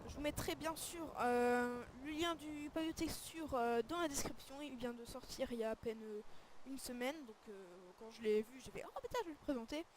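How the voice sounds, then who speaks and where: Woman video creator, casual and hesitant, voice a bit high. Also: steady tone, normal speed. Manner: hesitant, often searching for words. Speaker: video creator presenting a game texture pack. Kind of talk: casual screen-recorded commentary.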